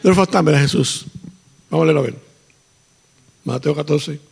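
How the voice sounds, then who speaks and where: A male pastor delivers a sermon in a gravelly, somewhat husky voice that sits a little high. He moves between Spanish and English phrases, pressing his points with rising emphasis. The sound carries the long reverb of a church hall. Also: fairly quick. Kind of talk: bilingual sermon. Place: church sanctuary.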